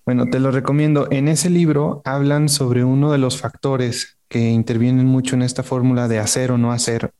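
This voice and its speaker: A man's voice: medium pitch, level tone, normal speed, few pauses, warm tone, slight background noise. A man with a Mexican accent hosting a podcast, responding casually and building on his guest's points. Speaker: podcast host.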